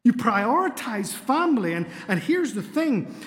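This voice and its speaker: A man's voice: very high-pitched, big pitch swings, a little slow, a bit bright. A middle-aged man, preaching a sermon with earnest storytelling and light humor. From Spain. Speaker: pastor. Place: church sanctuary. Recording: long hall reverb in a church.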